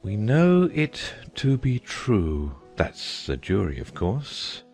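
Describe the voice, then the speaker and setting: A man voicing a fussy, self-satisfied king in a storybook reading, speaking slowly with a gravelly voice. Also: fairly low pitch, wildly swooping pitch, a little mellow, soft background music, heavily acted. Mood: muttering.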